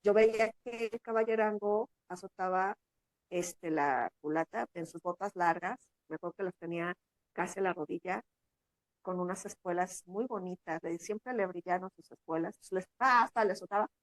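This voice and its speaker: A woman's voice: normal speed, no room sound. A woman from Mexico with a Mexican accent, a guest telling a long personal story in an interview and acting out the voices of people in it. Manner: animated, acts out quoted voices in a higher pitch.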